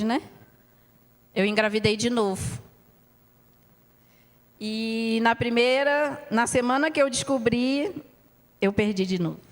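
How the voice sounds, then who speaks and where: A woman's voice: on the high side, in a large hall. A woman pastor giving a heartfelt sermon, telling her own story with frequent asides to the congregation. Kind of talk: sermon with personal testimony. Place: church hall.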